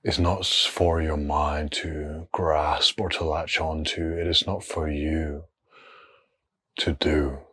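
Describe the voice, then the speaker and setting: A man with an exceptionally deep, breathy, husky voice leads a guided meditation. He speaks slowly and quietly with very even intonation, offering short phrases separated by long pauses.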